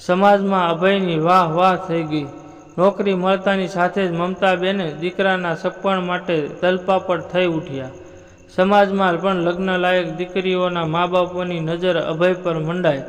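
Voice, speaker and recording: A man narrating a moral story in a steady, even storytelling read. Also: sits high, big-room sound.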